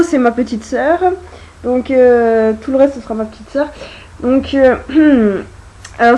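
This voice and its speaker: A woman's voice: high voice, darkish tone, low-quality recording. A young woman vlogger chatting casually about her books, full of hesitations and fillers. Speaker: book vlogger. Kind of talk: casual chat.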